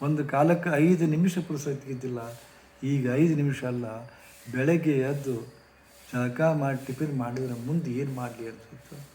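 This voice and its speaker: A man voicing a weary, lonely older rich man who speaks in a soft, subdued, complaining voice. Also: mid-range voice, moderate pace, echoey room, a little hiss or hum, natural voice, rough recording.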